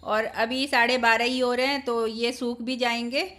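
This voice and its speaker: A woman's voice: fairly high pitch, little pitch movement, moderate pace, bright, forceful tone. A woman in her thirties vlogging about her housework in a casual, chatty way, explaining each chore step by step. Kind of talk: casual home vlog narration.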